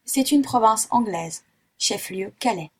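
A woman voicing a grave, unflappable young boy who answers in a calm, matter-of-fact recitation. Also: on the high side, a little slow, gravelly, slightly rough, full character voice.

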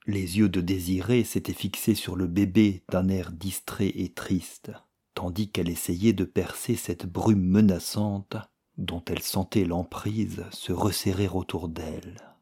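Slow, husky male storyteller. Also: sits low, steady tone, warm tone. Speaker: narrator. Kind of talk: literary story reading.

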